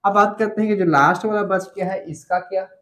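A man's voice: high voice, fairly even intonation, brisk, a bit bright. A man teaching an online grammar lesson. He explains step by step, repeats the key points and asks his students questions. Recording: echoey room.

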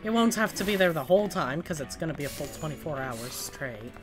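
A woman's voice: low-pitched, lively intonation, quick pace. A woman streaming a game, reading its text aloud and chatting casually with a co-host. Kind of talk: casual gaming stream chat. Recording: game music playing behind.

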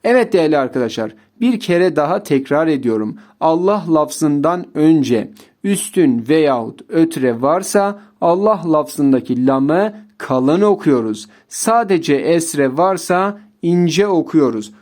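Male Quran reading teacher, high voice, unhurried, drawn-out recitation, talks to viewers as dear friends. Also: animated, a little mellow. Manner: slow, drawn-out recitation of practice words between explanations. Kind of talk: recorded lesson.

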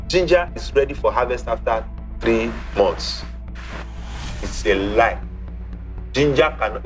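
Faint music sits behind a middle-aged TV quiz host speaking into a lapel microphone on an indoor studio set. With theatrical showmanship, he elongates the crucial words and lets his pitch rise and fall dramatically.

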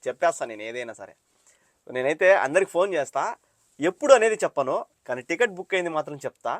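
A young man from India talks quickly in a casual vlog, his voice plain and mid-pitched. He records in a dry, close setting inside his car, and his voice often sounds emotional and near tears. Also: dry recording. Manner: emotional, teary on the phone with his mother. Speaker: vlogger. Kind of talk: casual vlog talk and phone call.

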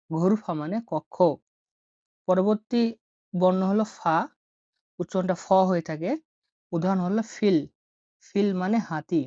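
Low-voiced woman teaching slowly, dry sound. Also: darkish tone, dry recording, lo-fi sound. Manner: repeats each example word slowly and carefully. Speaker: language teacher. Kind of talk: slow instructional lesson.

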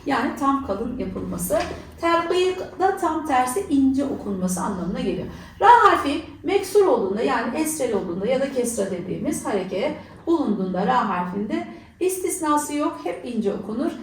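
A woman's voice: high voice, very animated, normal speed, slight background noise. A woman teaching a Quran recitation lesson, explaining rules and then asking and answering her own questions. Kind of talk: tajweed lesson. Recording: echoey room, voice from far off.

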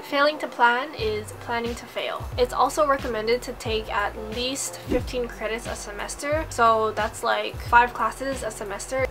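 A woman in her twenties from Hawaii, giving upbeat casual advice to the camera from her bedroom and saying "like" often. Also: a little high. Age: 20s. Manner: chatty, upbeat, lots of "like". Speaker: vlogger. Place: bedroom, indoors. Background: background music.

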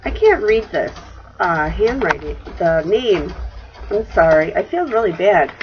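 Indoors in her home craft room, a middle-aged woman rambles through a casual show-and-tell of her crafting mail, using many fillers as a craft vlogger. She speaks at a measured pace in a lowish voice with lively intonation, captured in lo-fi sound.

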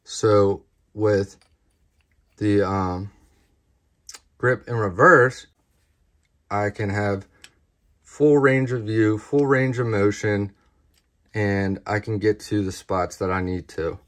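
A man's voice: on the low side, takes it slowly, pauses often. A man hosting a knife review channel, talking casually and plainly to his viewers as he shows off parts. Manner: relaxed, plain-spoken, addresses viewers as guys.

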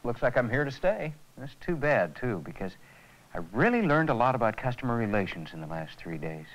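The lead character in a 1980s training film, a man speaks earnestly and reflectively about what he has learned, with lively intonation. His mid-range voice moves a little fast, and the audio is poor.

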